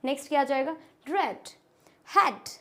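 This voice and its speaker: Woman, young adult, English teacher, asks and answers her own questions, high voice. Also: lively intonation, moderate pace, fairly bright tone. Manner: asks questions and answers them herself, repeating words. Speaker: English trainer. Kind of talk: spoken English lesson.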